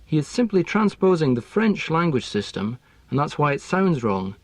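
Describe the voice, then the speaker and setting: A man explaining language teaching in a scripted lesson, speaking in a measured, precise way. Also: fairly high pitch, very animated, no echo.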